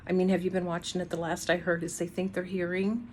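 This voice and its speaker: A middle-aged woman with a low voice talks casually to the camera from a small front porch. She rambles along conversationally, leaving trailing pauses, with some outdoor noise behind her. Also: little pitch movement. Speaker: vlogger. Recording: noticeable outdoor background noise. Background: outdoor ambience.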